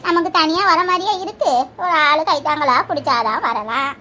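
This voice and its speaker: A woman voicing a devout, fussy old grandmother in a cartoon, lowering her voice and speaking slowly. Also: lively intonation, sharp tone. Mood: complaining. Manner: lower, slow, complaining. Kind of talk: cartoon voice acting.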